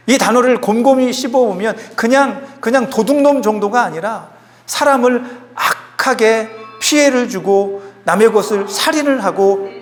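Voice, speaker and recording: A male pastor preaching a sermon in a church, emphatic and acting out the quotes. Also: sits high. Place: church sanctuary. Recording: long hall reverb.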